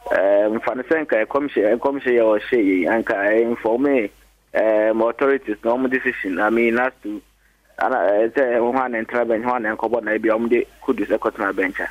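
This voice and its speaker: A man's voice: lowish voice, steady tone, moderate pace, no echo. A man with a Ghanaian accent calling in to a show, hesitant and full of ums as he makes his point. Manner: hesitant, many ums, mixes Twi and English. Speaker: caller. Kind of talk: phone-in chat. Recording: dull dry phone line.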